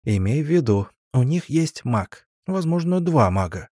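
A man voicing a fierce, hushed young woman. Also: mid-range voice, sing-song, unhurried, no echo, clean studio sound, voice pushed up. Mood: warning. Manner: hushed and clipped, often angry whisper. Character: sharp-tongued young woman, tense and quick to anger. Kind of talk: audiobook character voice.

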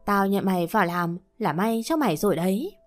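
A woman's voice: mid-range voice, expressive, brisk, faint music behind, close to an everyday voice. A woman doing a harsh older shop owner. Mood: scolding. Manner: scolding, contemptuous.

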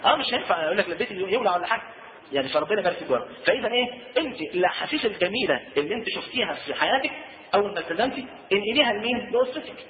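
A man's voice: high-pitched, lively intonation, very fast, crowd noise. A man with an Egyptian accent giving a colloquial religious lesson, chatty and full of rhetorical questions. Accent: Egyptian Arabic. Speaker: preacher. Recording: tinny lo-fi roomy recording.

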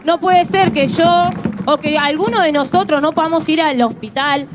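A woman's voice: high-pitched, moderate pace, noisy background. A young Argentine woman giving an impassioned protest speech at a rally. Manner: impassioned, building to forceful appeals. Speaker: youth speaker at a rally.

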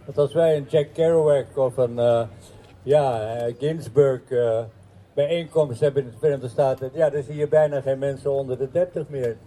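A man with a very dark, warm tone talks casually in an interview. He hesitates often and fills his pauses with drawn-out ums. His voice sits at a middle pitch and stays relaxed. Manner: hesitant, many fillers.

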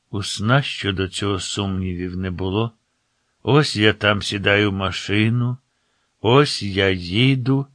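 Low-voiced man reading a story aloud. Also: no room sound. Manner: measured, unhurried reading with phrase endings that drop soft. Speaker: audiobook reader. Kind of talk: literary audiobook narration.

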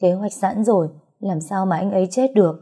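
A woman's voice: mid-range voice, a little fast, warm tone, husky, natural voice. A woman voicing a grief-stricken young pregnant woman who pleads through sobs. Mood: grieving, pleading. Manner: sobbing, pleading.

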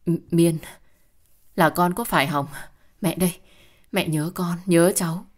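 A woman's voice: fairly low pitch, fairly even intonation, measured pace. A woman doing a pleading old grandmother. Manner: pleading, tearful.

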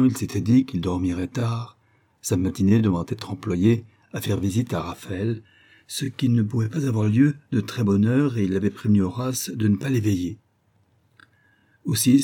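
A man reads a classic novel aloud in a measured, storytelling manner. His voice is low and dark, and it has a husky edge. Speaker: audiobook narrator. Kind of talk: scripted audiobook narration.

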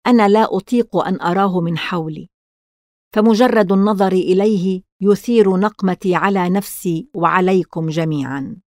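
A woman's voice: mid-range voice, normal speed, a little mellow, dry recording, clean studio sound, natural voice. A woman reading the part of a drunk, defiant young woman in a thieves' gang, speaking bitterly, in a storybook reading.

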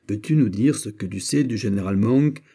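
A man's voice: a little high, animated, a little fast, warm tone, husky, voice pushed up. A man reading an audiobook, voicing a blunt, threatening soldier officer. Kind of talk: audiobook character voice.

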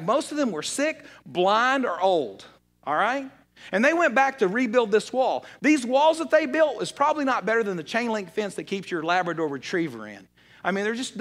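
A man's voice: sits high, fairly bright tone. A man preaching a sermon as a pastor, conversational and storytelling with humor.

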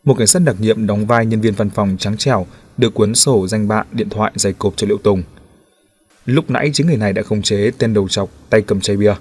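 Husky low-voiced male narrator. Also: fairly quick, darkish tone. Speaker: audiobook narrator. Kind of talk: scripted novel narration.

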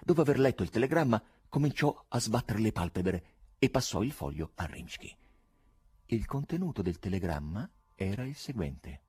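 A man reading a novel aloud as an audiobook narrator, in an expressive, theatrical manner. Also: on the low side, moderate pace, husky, no echo, studio quality. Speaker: audiobook reader. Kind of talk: scripted literary narration.

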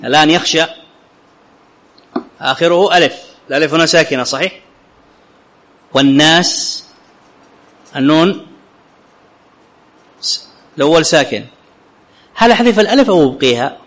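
A man teaching an Arabic grammar lesson, often asking his students whether it is clear and reciting quotations slowly. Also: on the high side, fairly bright tone. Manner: questions students often, checks understanding; clears his throat now and then.

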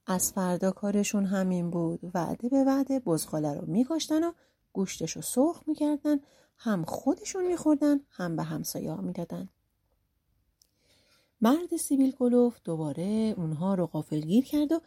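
A woman narrates a folk tale audiobook with lively, dramatic emphasis. Her voice is mellow and warm with a husky, slightly breathy edge. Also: medium pitch.

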